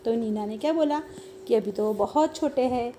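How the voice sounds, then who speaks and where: High-voiced teacher reading to children. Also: female voice, warm tone, a little hiss or hum. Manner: reads English lines slowly, then explains in Hindi; asks children questions, patient and encouraging. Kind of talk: storybook lesson read aloud and explained.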